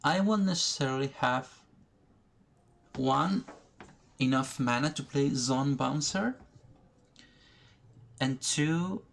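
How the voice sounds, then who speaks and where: Slow, gravelly man commentating gameplay. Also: medium pitch. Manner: slow, thinking aloud with pauses and restarts. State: has the hiccups. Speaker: gaming video creator. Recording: faint background noise, poor recording.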